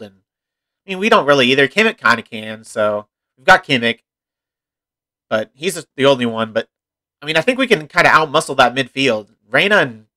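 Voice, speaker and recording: Bright-voiced young man commentating his game. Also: medium pitch. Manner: chatty, rambling, reacts to the match as he plays. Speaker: gaming commentator. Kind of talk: casual let's-play commentary.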